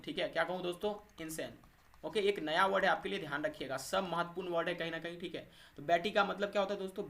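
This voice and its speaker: Here a man teaches exam vocabulary in English, his voice on the high side, creaky, and a bit bright. He answers his own questions and punctuates each point with "thik hai" and "doston," checking in with those watching.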